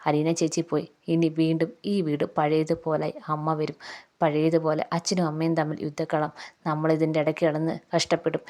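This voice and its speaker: A woman's voice: low voice, monotone, normal speed, dark tone, natural voice. A woman voicing a tearful young woman who is grieving her sister leaving, in a plain recounting voice. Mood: sad.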